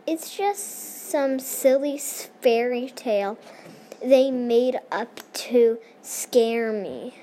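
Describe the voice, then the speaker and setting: Woman as a scoffing scrappy alien girl, high and slow, fan read. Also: expressive, mellow, slight background noise. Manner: scoffing, offhand.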